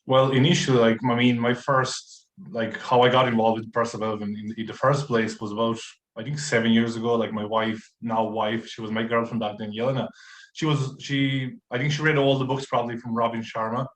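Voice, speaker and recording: A man from Croatia in his thirties, a podcast guest telling his story in relaxed, casual conversation full of fillers and restarts. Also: medium pitch, brisk. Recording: roomy echo.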